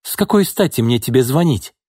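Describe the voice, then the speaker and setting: A man's voice: medium pitch, lively intonation, fairly quick, darkish tone, breathy edge, dry recording, studio quality, pitched above the performer's own voice. A man reading an audiobook voices a young woman, tense and defiant, her voice trembling. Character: young woman, ex-prostitute turned model, nervous and defiant.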